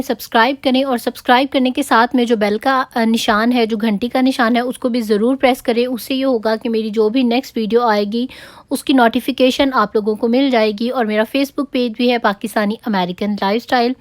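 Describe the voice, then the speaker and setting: A woman's voice: on the high side, fairly even intonation, brisk, no echo. A young Pakistani woman narrating her own vlog in a chatty, casual way, with a Pakistani Urdu accent and English words mixed in. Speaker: vlogger.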